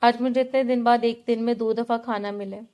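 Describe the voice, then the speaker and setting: A woman reading the part of a timid, frightened young bride who speaks softly and hesitantly. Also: a little high, steady tone, clean tone, natural voice. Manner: soft, hesitant.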